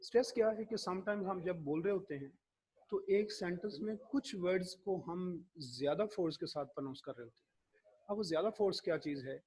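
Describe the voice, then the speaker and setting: A man giving a classroom lecture, explaining slowly and acting out his examples. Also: high voice, a little mellow, husky.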